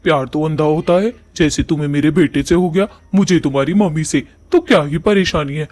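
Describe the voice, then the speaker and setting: A shameless old father-in-law from a cartoon story, voiced by a man wheedles and drawls. His voice sits a little high. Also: darkish tone, natural voice. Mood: wheedling. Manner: wheedling, drawn-out.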